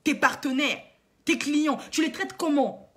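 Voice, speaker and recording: A woman's voice: high-pitched, a little slow, fairly bright tone. A woman vlogger and coach lecturing her viewers with indignant, emphatic rhetorical questions and lots of repetition. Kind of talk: impassioned moralizing monologue to viewers.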